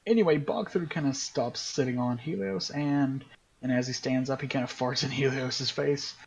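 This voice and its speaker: Casting note: male dungeon master, middle pitch, halting and casual narration full of restarts. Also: creaky, a little hiss or hum. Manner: hesitant, restarts sentences often. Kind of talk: narrating a tabletop game.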